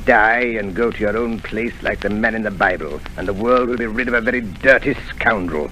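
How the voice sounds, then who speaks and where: A stern scolding doctor. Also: male voice, lowish voice, brisk, sharp tone, rough recording. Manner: scolding, authoritative. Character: brisk, stern country doctor. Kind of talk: 1930s radio drama acting. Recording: old radio broadcast with music.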